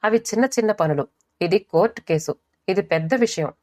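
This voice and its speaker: A woman's voice: mid-range voice, moderate pace, darkish tone, natural voice. A woman voicing an impatient young husband who talks down to his wife in an audiobook story. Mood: condescending. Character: dismissive young husband, condescending.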